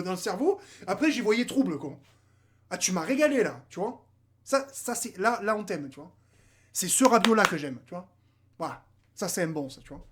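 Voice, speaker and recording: Animated young-sounding man venting about football. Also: high voice. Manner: animated, slangy, addresses players and viewers directly, mocking rivals. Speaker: football fan commentator. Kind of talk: casual football debrief.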